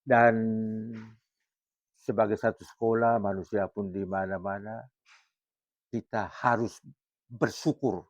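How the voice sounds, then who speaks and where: A man in his late seventies with a low, unhurried voice, speaking calmly and nodding along with quick yeses. The sound is dry and close, a little dull and lo-fi. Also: dry recording. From Maumere, Flores, Indonesia. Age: 70s. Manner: calm, affirming with repeated short yeses. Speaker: retired school principal, guest. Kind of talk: casual interview.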